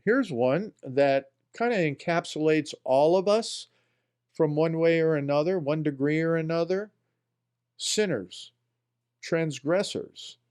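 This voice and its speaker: A man's voice: a little high, takes it slowly, darkish tone, clean tone. A man hosting a political commentary show in a folksy, rambling style, often talking to himself. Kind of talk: casual spoken commentary.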